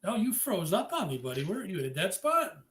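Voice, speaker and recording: A man hosting a live-streamed interview, upbeat and chatty, giving shout-outs to viewers. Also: high voice, sing-song, fast talker. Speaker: podcast host. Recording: echoey room with faint noise.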